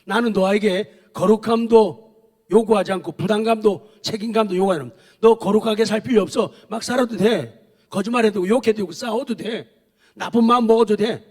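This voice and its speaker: A man's voice: high voice, a little fast, darkish tone, close to an everyday voice. A man preaching who voices a scornful, coaxing devil tempting a believer. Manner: taunting, coaxing. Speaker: pastor. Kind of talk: sermon.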